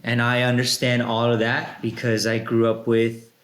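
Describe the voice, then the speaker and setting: A man's voice: mid-range voice, completely flat delivery, normal speed. A man in his late thirties hosting a casual podcast, telling stories in a laid-back way with fillers. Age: 30s. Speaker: podcast host. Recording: roomy echo.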